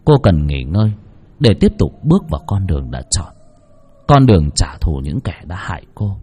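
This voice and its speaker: A man's voice: low-pitched, normal speed, slightly rough. A man narrating a horror story in a dramatic, suspenseful style. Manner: expressive, suspenseful.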